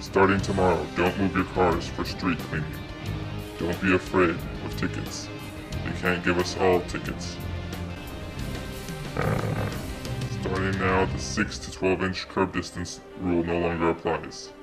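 Super deep disguised voice, masked hacker spokesman, dead flat monotone, music underneath. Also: measured pace. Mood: grave. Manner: solemn monotone proclamation. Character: masked anonymous male hacker spokesman, grave and menacing. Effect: disguised, pitched-down deep voice. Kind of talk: comedy parody announcement.

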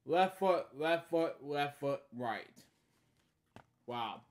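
This somewhat high-voiced man in his thirties hosts a homemade story series from a small indoor room at home. He reads a children's book in brief, faltering phrases, filling the gaps with casual, repetitive stock lines.

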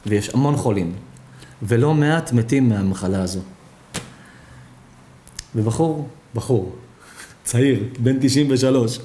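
A man, a rabbi, giving a Torah lesson and telling a story dramatically, with sudden jumps in pitch and loudness.

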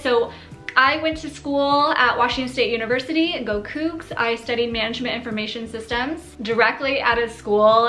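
A woman's voice: fairly high pitch, pushed and bright, reverberant. A woman in her thirties, chatting long-windedly and upbeat in a casual Q&A vlog at home. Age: 30s. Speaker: YouTuber. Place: living room by a window.

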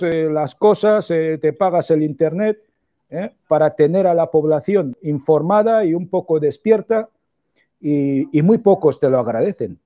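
Calling in from a room in his home, an opposition politician from Equatorial Guinea, in his forties, gives an earnest interview full of fillers and tag questions. His voice is a little high, and the video-call sound from his earphone headset is tinny.

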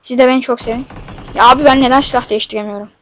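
A woman giving casual commentary while playing a mobile shooter game, excitable with loud outbursts and playful swearing, on a phone mic. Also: sits high, rapid-fire, a little hiss or hum.

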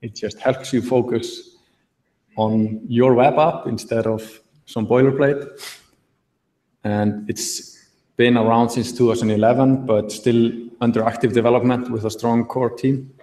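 A young man giving a relaxed tech talk at a meetup, thinking aloud with fillers from a podium in a large auditorium. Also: medium pitch, measured pace. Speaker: conference speaker. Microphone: podium mic, recorded from the hall. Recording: echoey hall.

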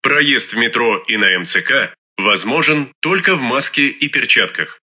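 A man making recorded subway announcements as a train announcer, formal, measured and clearly enunciated. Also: medium pitch, animated, pushed and bright, no echo.

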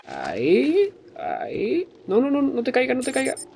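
A man giving jokey let's-play commentary, excitable and swearing often. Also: very high voice, measured pace, creaky, music in the background. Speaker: gamer.

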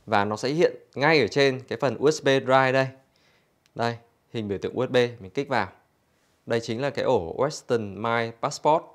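A man's voice: medium pitch, moderate pace. Man, infomercial-style product demonstrator. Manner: conversational, explanatory, addressing customers. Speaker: product demonstrator for an audio store.

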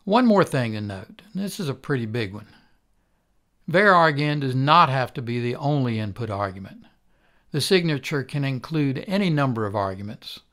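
An older man instructor giving a calm, methodical recorded programming lecture. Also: medium pitch.

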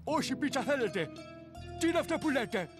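A gruff, bossy cartoon pizzeria boss with a fairly high voice. He barks curt orders at the workers. Cartoon music plays behind him. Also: big pitch swings.

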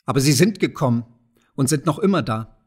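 A man voicing a poor, frail old widow who speaks softly and mildly. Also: mid-range voice, animated, brisk, husky. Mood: gentle. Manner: soft, mild, secretive.

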